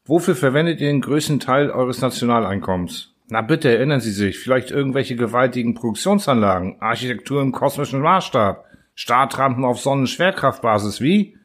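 A man reading an audiobook and voicing a huge male alien diplomat who is impatient and condescending, with brisk questions that rise sharply. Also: mid-range voice, lively intonation, close to an everyday voice. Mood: urging. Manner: brisk, lofty and faintly disdainful, questions rising sharply. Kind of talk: audiobook character voice.

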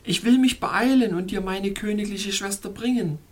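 A woman voicing an eager, devoted fairy foster child speaking in a hurried way. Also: mid-range voice, darkish tone, pitched above the performer's own voice, lightly acted.

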